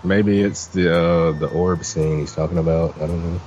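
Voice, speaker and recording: A man co-hosting a podcast in casual chat, talking in a slow, hesitant way. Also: sits low, steady tone, a little mellow. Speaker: podcast co-host. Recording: dull lo-fi sound with faint noise.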